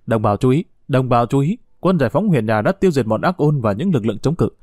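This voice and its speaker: Man reading as loudspeaker announcer, formal, declaiming, lively pitch, mellow tone. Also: quick pace, dry recording, studio quality, close to an everyday voice. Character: male loudspeaker announcer addressing villagers.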